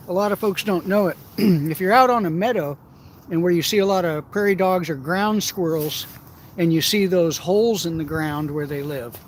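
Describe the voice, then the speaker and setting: Middle-aged guy rambling and cussing through fishing stories outside, kinda high voice, light background hiss. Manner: profane, rambling anecdotes with frequent laughs. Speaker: outdoors vlogger. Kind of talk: casual storytelling while shore fishing. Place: outdoors by the water.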